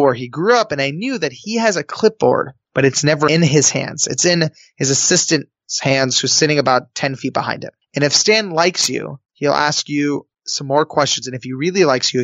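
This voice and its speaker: A man telling a personal story in a lively, comic, conversational way on an interview. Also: medium pitch, creaky, no room sound, lo-fi sound. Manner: lively, comic, jumps into quoted voices.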